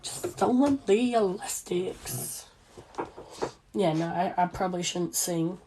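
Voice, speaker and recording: A young Australian woman who runs a small business and crafts is livestreaming while she sews in her home workspace, chatting casually in a rambling, self-deprecating, informal way. Her voice is low, slow, hoarse, and weakened because she's losing it after an illness, and the noisy room has clicking sounds.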